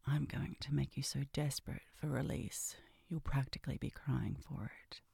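A woman doing a sultry, seductive whispered role-play, breathy and often dropping into a whisper, with a teasing, commanding way of talking. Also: very deep voice, normal speed, dark tone, no room sound, clean studio sound.

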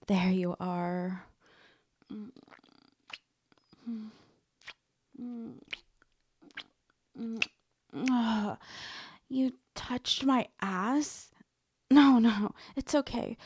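A young woman voicing a jealous girl who confesses her feelings to a friend, speaking softly and intimately to the listener. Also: a little high, husky, dry recording, full character voice. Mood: intimate, breathy. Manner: soft, intimate, addressing the listener directly. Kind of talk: audio roleplay to a listener.

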